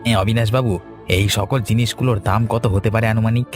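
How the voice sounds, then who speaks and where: A man voicing a greedy, excitable accomplice in a cartoon. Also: fairly low pitch, quick pace, soft background music, natural voice. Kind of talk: cartoon voice acting.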